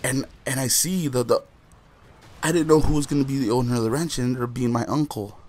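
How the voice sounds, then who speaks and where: A man spinning a mock-serious tale in a loose, rambling way. He leans on "you know" constantly and talks at an ordinary, mid-level pitch. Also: fairly quick, a little mellow. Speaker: vlogger. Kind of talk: casual mock-serious storytelling.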